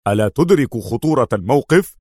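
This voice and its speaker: A man's voice: mid-range voice, animated, moderate pace, darkish tone, no room sound, studio quality, close to an everyday voice. A man voicing a nervous, greedy, corrupt police inspector who talks in an agitated, jittery way, in a storybook reading.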